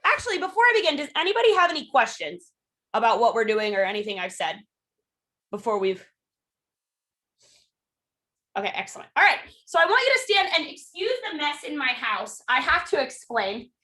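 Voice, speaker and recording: A woman runs a self-defense class over a video call from her home, her voice pitched a little high with a sharp, bright edge. She talks frankly and encouragingly, dotted with "um", then snaps out movement cues with lots of energy. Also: sing-song, fairly quick. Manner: frank, encouraging, many "um" fillers; calls out drill cues with rising energy. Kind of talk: live online workshop instruction.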